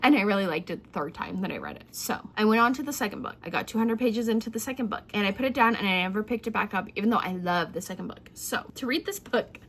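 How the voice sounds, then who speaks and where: A young woman talking casually to viewers as a book vlogger, in an excited, rambling, giggly way, keeping her volume down a little. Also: medium pitch, fast, few pauses. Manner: hushed, holding volume down for sleeping child. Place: indoors at home. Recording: clear heater hum behind voice.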